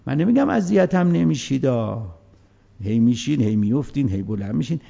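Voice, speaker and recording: A man with a husky, gravelly voice gives a religious lecture in a conversational register, shifting between hushed asides and forceful raised passages. His tone is dark and mellow. The recording is dull and lo-fi, with the top end rolled off. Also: mid-range voice, expressive.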